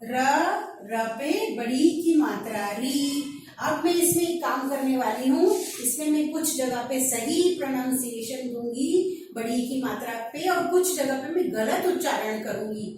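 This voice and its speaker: A woman teaching kindergarten children in an online class, sounding out letters one by one and stretching each syllable. Her voice sits high and moves at an unhurried pace. She is heard from some distance in a strongly echoing room with a faint hiss underneath. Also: darkish tone. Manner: slow, drawn-out syllable drilling.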